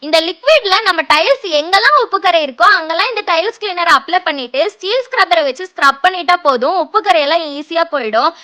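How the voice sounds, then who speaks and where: Woman, Tamil Nadu accent, chatty sales pitch, bright tense tone, animated melody. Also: fast. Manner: chatty, direct address to viewers. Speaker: product promoter. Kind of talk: scripted product pitch.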